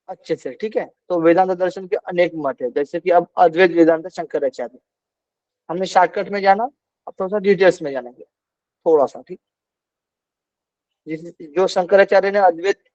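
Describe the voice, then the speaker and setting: High-voiced male teacher, patient explainer. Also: darkish tone, no room sound, dull audio. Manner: explains patiently, repeats key points with "ठीक है". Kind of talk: online class lecture.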